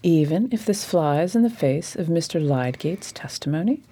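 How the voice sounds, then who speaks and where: A woman playing a brisk, authoritative lady detective in a radio play, speaking with precision. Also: low voice, animated, warm tone, slightly rough, exaggerated voice. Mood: brisk, commanding. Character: brisk, commanding lady detective leading her assistant.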